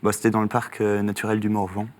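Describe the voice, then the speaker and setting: A man's voice: lowish voice, completely flat delivery, fast, a little mellow, a little hiss or hum. A young man who is a quiz show contestant, giving brief, matter-of-fact answers to the host.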